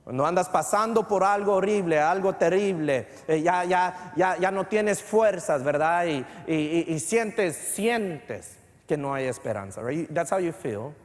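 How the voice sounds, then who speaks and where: Fervent high-voiced pastor in reverberant church. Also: male voice, expressive, unhurried. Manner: mixes English phrases into Spanish; repeats words, builds to fervent emphasis. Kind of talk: bilingual church sermon. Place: church sanctuary.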